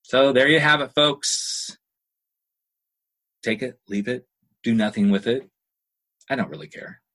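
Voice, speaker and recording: Husky guy doing a podcast pep talk, kinda lower voice, folksy and emphatic, lots of repeating for effect. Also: a little slow, pushed and bright. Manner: emphatic, folksy, colloquial pep talk with rhetorical questions and repetition. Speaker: podcast host and speaker. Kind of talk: motivational solo podcast talk to listeners.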